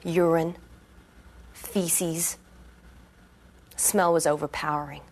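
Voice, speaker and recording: A husky, worn-out young resident. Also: female voice, low voice, flat delivery, slow pace, heavily acted. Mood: bitter. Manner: tired, strained. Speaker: medical resident.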